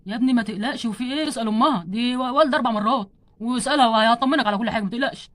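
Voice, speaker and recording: Brief: woman doing protective dad doll, Egyptian accent, quick high scolding voice. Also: a bit bright, dry recording, natural voice. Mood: calming. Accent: Egyptian Arabic. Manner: scolding, repeating warnings. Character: fussy protective father doll.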